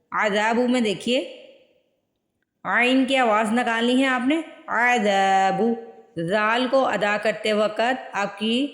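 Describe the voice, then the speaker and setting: A woman teaching Quran recitation step by step, patiently repeating words slowly to show pronunciation. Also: medium pitch. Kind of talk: step-by-step tajweed lesson. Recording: echoey room with long reverb.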